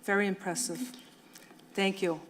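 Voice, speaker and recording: A woman's voice: medium pitch, fairly even intonation, measured pace, a bit bright, a little hiss or hum. A woman city councilor making friendly, chatty remarks at a meeting.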